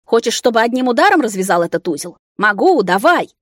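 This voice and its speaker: A woman reading an audiobook, voicing a sarcastic, bitter young man in a wheelchair who shouts at his parents. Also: on the high side, big pitch swings, fairly quick, no room sound, clean studio sound, pitched above the performer's own voice. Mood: bitter, shouting.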